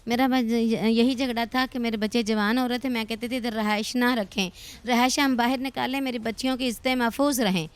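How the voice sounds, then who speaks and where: Middle-aged woman, school head, high voice, aggrieved, long explanations. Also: steady tone, clean tone. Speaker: madrasa head. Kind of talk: news interview.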